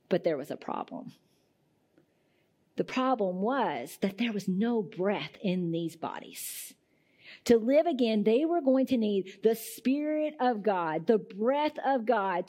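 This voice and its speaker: Woman preaching a sermon, chatty and relaxed, lots of "right?" and "okay?". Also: mid-range voice. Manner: conversational preaching with fillers and tag questions. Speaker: pastor.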